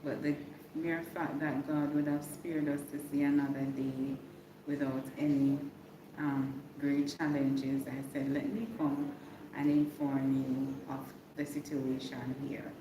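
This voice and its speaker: Low, unhurried Jamaican woman, echoey. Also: flat delivery. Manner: repeats phrases for emphasis. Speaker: livestreamer giving a hurricane update. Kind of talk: casual live check-in chat with viewers. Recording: echoey room with clear background noise.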